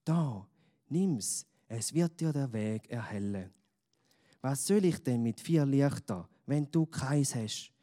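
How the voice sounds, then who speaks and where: A man voicing a timid, hopeful young shepherd boy in a storybook reading, high and earnest. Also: expressive, takes it slowly, dark tone. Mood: eager.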